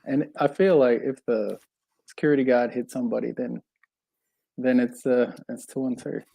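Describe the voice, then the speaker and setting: A man's voice: medium pitch, steady tone, normal speed, vocal fry, warm tone, husky, no room sound. A man co-hosting a casual film podcast, chiming in with short, laid-back comments. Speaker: podcast co-host.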